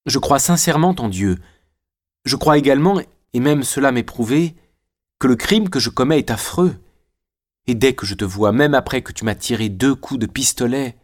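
A man's voice: mid-range voice, expressive, moderate pace, voice pushed up, close to an everyday voice. A man voicing a tearful, devoted noblewoman torn between faith and love in an audiobook, pleading with emotion. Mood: impassioned.

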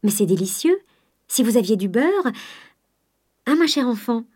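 A woman's voice: on the high side, very animated, measured pace, mellow, voice pushed up. A woman reading the part of an affable, coquettish young Parisian dandy, with an airy, polished, lightly teasing manner.

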